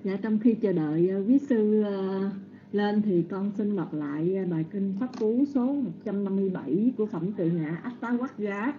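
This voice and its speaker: A woman moderates a scripture session, politely inviting monks to recite and often pausing with hesitant fillers. Her voice sits at an ordinary pitch. It comes through a tinny, phone-like line with faint hiss. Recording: tinny phone-like call audio.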